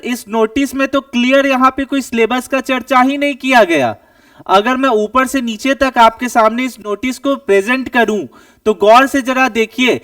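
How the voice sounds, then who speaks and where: Earnest high-voiced coaching teacher. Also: male voice, a bit bright, no room sound, studio quality, recorded from a distance. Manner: earnest, advising, rhetorical questions. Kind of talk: explaining a recruitment notice to students.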